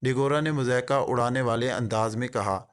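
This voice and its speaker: Man narrating an audiobook. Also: medium pitch. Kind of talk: scripted narration of a spy novel.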